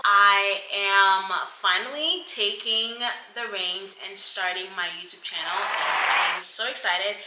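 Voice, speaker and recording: A woman in her mid-twenties, from Cameroon and partly raised in the US, introduces her vlog channel, chatting casually and informally to camera with giggly, rambling asides. Her voice is medium-pitched, and the recording has an echoey room and a noisy background.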